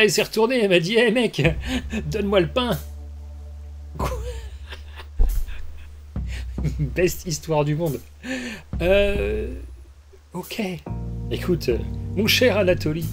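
A man streams a game on a basic microphone, casually reading the dialogue aloud and tossing in amused asides as let's-play commentary. His high voice is expressive and a bit bright, a little slow, with long pauses. Faint music plays in the background.

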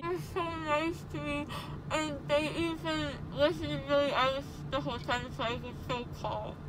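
High-pitched young woman muffled by mouth gauze. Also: fairly even intonation, normal speed. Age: teenager or young adult. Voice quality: muffled, slurred speech through a mouthful of gauze. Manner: groggy, rambling, emotional. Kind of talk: casual chat. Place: inside a car. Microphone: handheld phone a short distance away. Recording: noisy car interior.

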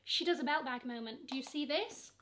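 Her high-sitting voice is a bit bright and moves a little fast. She's a young English fashion vlogger at her camera in a bedroom with shelves of shoes, gushing sassily through luxury online shopping and referring to bags as "she."

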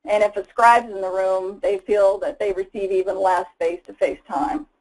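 Woman, webinar presenter, mid pitch, casual explanatory delivery, fillers. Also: steady tone, normal speed, darkish tone, rough recording. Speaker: product presenter. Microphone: voice-over for slides.

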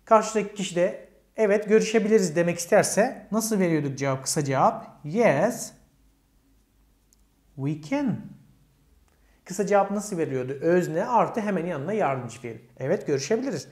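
A man's voice: high voice, lively intonation, moderate pace, darkish tone. A man teaching English grammar to Turkish speakers. He poses questions to his students and answers them himself, and he says the English examples with a Turkish accent. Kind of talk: explaining grammar step by step. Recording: echoey room.

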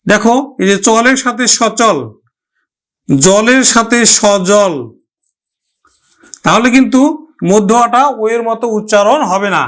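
High-voiced man teaching pronunciation slowly. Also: fairly bright tone. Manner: slow, drawn-out syllable-by-syllable modelling of words; asks and answers his own questions. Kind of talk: pronunciation lesson.

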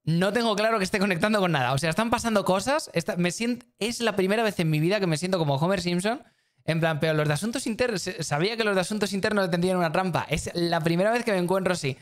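A man's voice: high-pitched, quick pace. A man streaming, chatting casually and rambling, often repeating himself and talking straight to his chat. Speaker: streamer reacting to videos.

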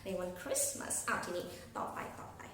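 A woman with a Thai accent teaching young children English phonics, spelling each word out letter by letter. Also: a bit bright. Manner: slow, spells words letter by letter. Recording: echoey room, far from mic, faint hiss.

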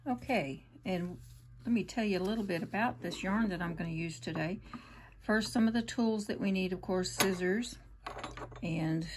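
A woman's voice: mid-range voice, normal speed, a little hiss or hum. A middle-aged woman with a Southern US accent, hosting a casual crochet tutorial in a chatty, homespun way with fillers. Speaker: crochet channel host.

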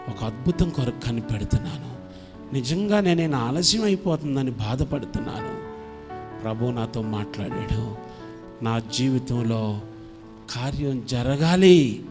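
A pastor from India preaching and leading prayer, moving from soft, murmured urging to loud, impassioned pleading. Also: male voice, medium pitch. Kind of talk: sermon with altar call and prayer. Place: church sanctuary.

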